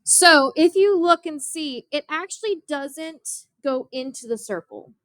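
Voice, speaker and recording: Woman teacher mid-lesson, highish, dry sound. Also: animated, unhurried, a bit bright, dry recording. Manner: explains step by step, often asks the class questions. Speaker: math teacher. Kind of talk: classroom geometry lesson. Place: classroom.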